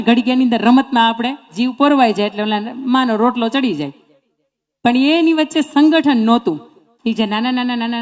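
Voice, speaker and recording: Woman speaker, fairly high voice; folksy motivational storyteller who keeps asking the crowd questions. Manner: storytelling, quizzes the audience with questions. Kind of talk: motivational speech to an audience.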